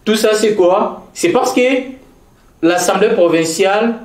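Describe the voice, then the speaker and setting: A Congolese man from Kasaï-Central, DR Congo, comments on provincial politics in an interview, speaking in a Congolese French accent. His high-pitched voice is unhurried, and his formal, earnest delivery often repeats key phrases and hesitates. The room is echoey.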